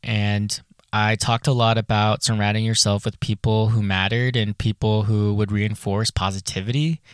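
A man talks candidly as a solo podcast host, informal and chatty. His voice is fairly low and smooth, and the sound is very dry, as in a small closet hung with clothes. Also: level tone, moderate pace, no echo.

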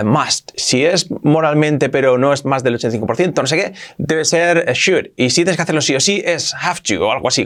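Male English teacher from Spain, Spanish accent, lively explainer who drills by repetition. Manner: lively, repeats words for drilling, pitch jumps up for emphasis. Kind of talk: explaining grammar to camera.

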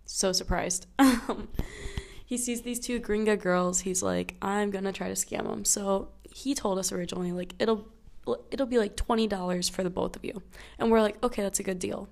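A woman's voice: mid-range voice, vocal fry, darkish tone. A young woman hosting a casual solo podcast in a groggy morning voice, telling a travel story in a chatty, self-deprecating way on a clip-on mic in a small study room. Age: young adult. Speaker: podcast host. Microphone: small clip-on lapel mic.

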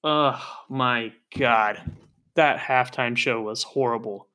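A man's voice: mid-range voice, slow, bright, forceful tone. A man hosting a podcast, delivering an exasperated, profane comedic rant full of sighs and rhetorical questions. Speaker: podcast host.

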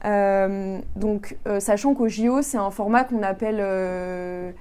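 A young woman talks through her subject in a relaxed interview, pausing often and filling gaps with small hesitations. Her voice sits at an ordinary middle pitch, and her delivery is patient and explanatory. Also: clear, resonant tone. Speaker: guest, amateur triathlete. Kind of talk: conversational explaining.

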